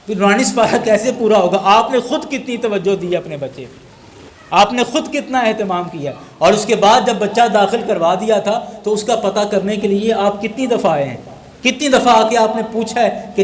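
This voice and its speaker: A man delivering a sermon as an Islamic scholar, his voice pitched notably high. He drives his message home with rhetorical questions, and the sound carries a noticeable echo.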